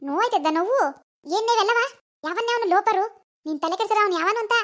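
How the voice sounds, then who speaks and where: A woman voicing a furious village mother who scolds her teenage daughter in rapid, shrill bursts full of insults. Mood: angry scolding.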